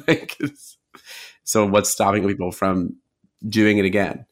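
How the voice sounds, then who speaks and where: A young man co-hosting a podcast, talking casually and haltingly, restarting his sentences often. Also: fairly low pitch, little pitch movement. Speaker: podcast co-host.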